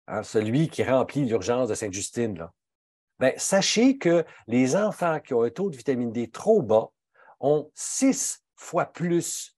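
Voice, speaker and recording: A Québécois pharmacist from Quebec gives a health talk in a darkish voice, recorded dry with clean studio sound. He's emphatic and indignant, swinging his pitch widely to drive points home.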